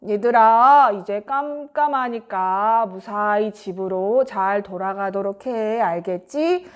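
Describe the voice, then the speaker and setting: A woman voicing a gentle, calm grown man who speaks softly and slowly to reassure. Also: medium pitch, smooth, pitched below the performer's own voice, natural voice. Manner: soft, slow, reassuring.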